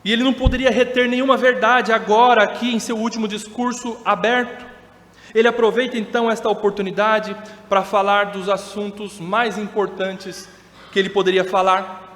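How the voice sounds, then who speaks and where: High-voiced Brazilian pastor preaching in an echoey hall. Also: male voice, flat delivery, fairly bright tone. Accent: Brazilian Portuguese. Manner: measured, emphatic preaching with slow drawn-out quotations. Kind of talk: sermon. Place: church hall.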